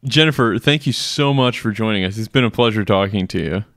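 A man hosting a podcast, wrapping up in a relaxed, slightly stumbling way. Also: fairly low pitch, brisk, no room sound, studio quality. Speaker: podcast host. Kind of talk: casual podcast chat.

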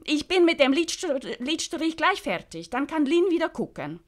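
Woman reads a brisk, commanding make-up artist, fairly high voice. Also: sing-song. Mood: bossy.

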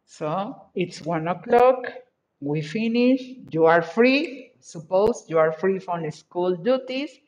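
A woman teaching an online English class, switching between Spanish and a Mexican-accented English, encouraging her students and slowly repeating their answers. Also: fairly low pitch, animated, darkish tone, a little hiss or hum. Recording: dull lo-fi video call audio.

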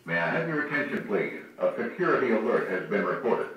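A man calmly repeating a recorded security alert, heard over a building intercom. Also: lowish voice, highs cut off. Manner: calm, measured, repetitive. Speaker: building announcement. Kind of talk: recorded looping alarm announcement. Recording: echoey loudspeaker heard from far off.

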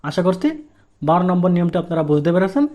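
A man with a high voice teaches a language class. He walks through each rule patiently, repeats it, and poses rhetorical questions before answering them himself. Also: steady tone, rapid-fire, a little mellow. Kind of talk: explaining a lesson step by step.

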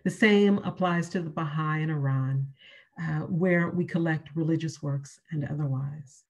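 A middle-aged woman giving a prepared keynote lecture over a video call from a room at home, speaking in a measured way with emphatic, repeated key phrases. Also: sits low, a little mellow. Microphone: webcam on a video call.

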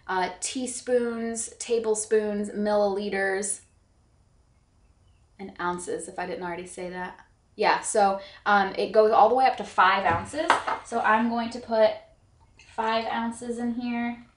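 A woman's voice: mid-range voice, fairly bright tone. Chatty young woman in an echoey kitchen. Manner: chatty, thinking aloud with fillers. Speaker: homestead cooking vlogger. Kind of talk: casual cooking tutorial. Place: home kitchen.

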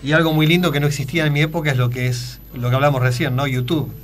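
A man's voice: medium pitch, level tone, quick pace. A middle-aged man with an Argentine accent, a guest impressionist on a radio show who chats, jokes and tells stories. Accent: Argentine Spanish. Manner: chatty joke-telling storyteller. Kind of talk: casual radio interview. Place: radio studio.

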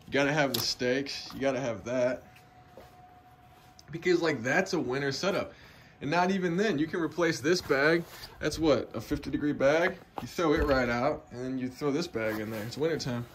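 A young man casually walking through his camping gear in a home basement, talking to a handheld phone camera in a relaxed, chatty way. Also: mid-range voice, normal speed, slight background noise. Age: young adult. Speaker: outdoor gear vlogger. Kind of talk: casual vlog walkthrough. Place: home basement room, indoors. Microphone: phone camera held close.

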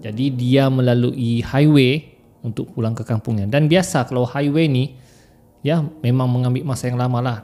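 Mellow male storyteller. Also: mid-range voice. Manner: chatty, addresses listeners as guys. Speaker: horror story podcaster. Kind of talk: casual horror storytelling.

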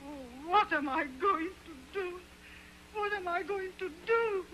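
An actress in an early sound film playing a frightened young wife who pleads in distress. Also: female voice, high voice, measured pace, noisy background. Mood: desperate.

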